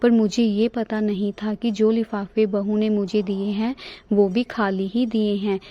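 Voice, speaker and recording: A woman's voice: mid-range voice, level tone, unhurried, highs cut off, lightly acted. A woman voicing a stern, scolding middle-aged mother-in-law in a storybook tale. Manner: scolding, threatening.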